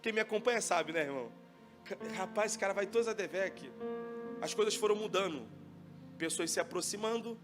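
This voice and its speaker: A man giving a testimony sermon as an evangelical preacher, telling his story and rising to fervent, loud proclaiming. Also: high voice, brisk, music in the background.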